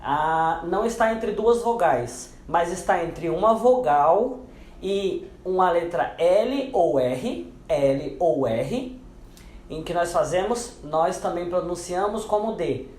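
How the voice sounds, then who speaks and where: A man's voice: expressive, takes it slowly, darkish tone, echoey room. A man teaching English pronunciation in a lesson. He explains each rule patiently and repeats the example words several times. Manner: repeats example words, dropping lower for them.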